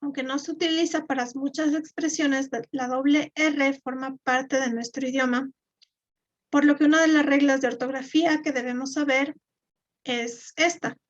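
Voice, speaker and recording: A woman's voice: high-pitched, steady tone, moderate pace. A woman, teaching a live online class and explaining step by step with fillers and repeated words. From Ecuador. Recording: dull lo-fi.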